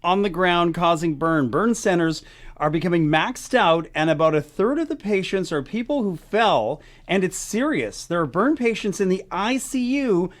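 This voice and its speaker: A man's voice: high voice, animated, normal speed, dry recording. A man hosting a morning radio show, reading odd news stories with wry, chatty asides into a studio mic.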